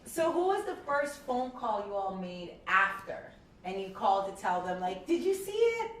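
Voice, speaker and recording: A woman's voice: mid-range voice, very animated, normal speed, a bit bright. A woman hosting a live casual interview, bubbly and laughing often. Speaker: host. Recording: roomy distant sound with crowd.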